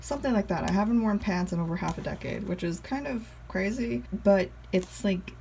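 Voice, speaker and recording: A woman's voice: on the low side, vocal fry, darkish tone, slight background noise. A woman chatting casually in a home vlog, rambling with lots of fillers and frequent laughs. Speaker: vlogger.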